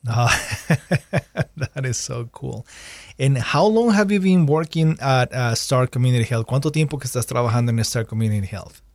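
This man hosts a bilingual radio interview, his medium-pitched, darkish voice moving at a measured pace. After a scripted intro, he switches between Spanish and English, posing every question in both. The sound is clean studio audio with no room echo.

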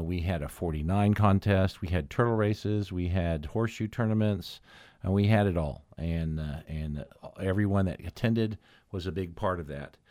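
Male community-news host, deep register, dry sound, deliberate and matter-of-fact semi-formal delivery. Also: a little mellow, no room sound.

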